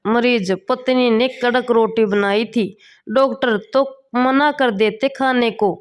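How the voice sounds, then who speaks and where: A woman reading a string of short jokes aloud at a slow, deliberate pace. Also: fairly high pitch, fairly even intonation, smooth. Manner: slow, deliberate joke delivery. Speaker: joke reader.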